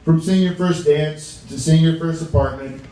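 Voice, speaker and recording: A young American man giving an informal wedding toast as best man, halting and joking, with slangy wording. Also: a little high, fairly even intonation, warm tone. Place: large reverberant room with a reacting crowd. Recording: echoey room, distant mic, audience noise.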